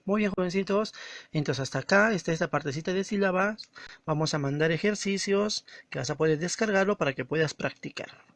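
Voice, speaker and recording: A male teacher giving a slow, didactic recorded lesson, stressing words and syllables as he explains them. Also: high-pitched, fairly bright tone, no echo.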